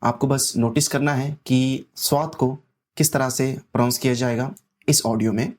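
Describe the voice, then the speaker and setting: A man's voice: medium pitch, fairly even intonation, a little mellow. Patient man teaching step by step. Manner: slow, patient, repeats instructions. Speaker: Arabic teacher. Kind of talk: step-by-step lesson explanation.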